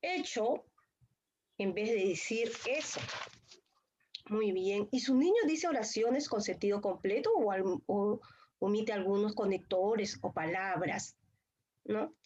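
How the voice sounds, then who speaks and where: A woman's voice: mid-range voice, slow pace, darkish tone, breathy edge, dull audio. Hesitant woman student on a video call. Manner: hesitant, many fillers. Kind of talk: clinical role-play practice.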